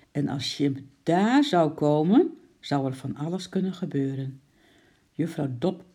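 A storyteller reading a children's story aloud in a calm, steady narration. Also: mid-range voice, slightly rough.

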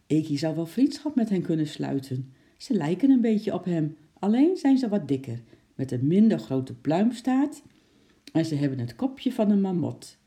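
A woman's voice: lowish voice, sing-song, moderate pace, dark tone. A woman reading aloud, voicing a cheerful uncle who works at a zoo and explains things in a jolly, friendly way.

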